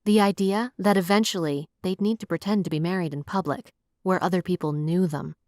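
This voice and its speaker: A woman narrating a romance audiobook in an even, measured storytelling voice. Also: on the low side, no echo, studio quality.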